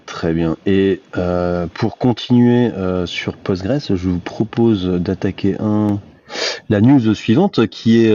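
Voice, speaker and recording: A man's voice: lowish voice, dark tone, dry recording. A man in his forties hosting a casual tech discussion, hesitant with many fillers and restarts. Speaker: podcast host. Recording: dull lo-fi sound.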